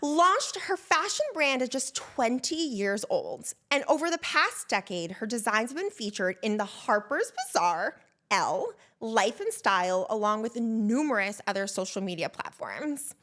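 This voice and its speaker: A woman's voice: a little high, very animated, unhurried, fairly bright tone. Enthusiastic woman podcast host. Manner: effusive, enthusiastic, many fillers. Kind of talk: podcast interview.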